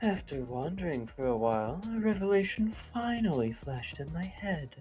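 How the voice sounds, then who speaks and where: A woman's voice: deep voice, sing-song, moderate pace, darkish tone, soft background music. A woman streamer who reads game dialogue aloud expressively and chats casually between the lines.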